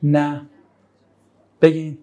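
A male religious teacher giving a classroom Quran lesson. He recites verses slowly, glosses them in everyday speech and keeps calling on students, turning down their answers one after another. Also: a little high. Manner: quizzes students again and again, brushing off answers; lively and animated when making a point.

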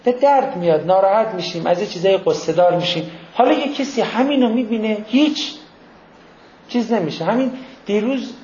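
A man giving an informal, conversational sermon, telling everyday stories with animated asides. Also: sits high, a little hiss or hum. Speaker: preacher. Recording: roomy, dull lo-fi audio with faint ambience.

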